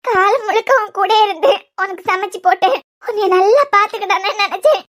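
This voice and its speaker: A woman's voice: extremely high pitch, fairly quick, a bit bright. A woman voicing a tearful young bride, the younger sister, in a cartoon series, pleading emotionally with a Kanyakumari Tamil accent.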